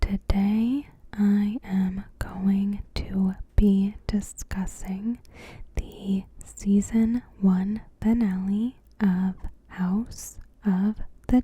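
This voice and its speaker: A woman hosting ASMR narrates a recap in a soft, breathy whisper, her phrasing hushed and deliberate with pauses between phrases. Her voice sits mid-range, and there's no echo.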